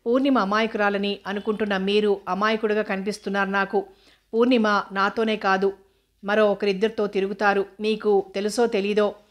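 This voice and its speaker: Smug, unruffled man taunting a rival, read by a woman narrator; even, level tone. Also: mid-range voice, normal speed, lightly acted. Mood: mocking. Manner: calm, needling, lecturing. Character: smug, mocking adult man, cool under pressure.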